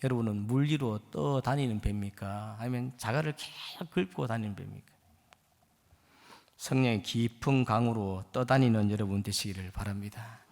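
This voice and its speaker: A man's voice: fairly low pitch, moderate pace, creaky, darkish tone. A man in his fifties, a guest pastor preaching a sermon with impassioned, rising exhortation in a church sanctuary. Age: 50s. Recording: long church hall reverb.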